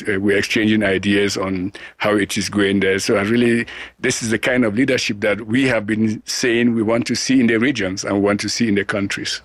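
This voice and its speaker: A middle-aged man from Cameroon speaks in a fairly low voice, earnest and deliberate, often restarting his sentences as he answers interview questions. The sound is close and dry, with no room around it. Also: dry recording. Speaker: guest, global health scientist.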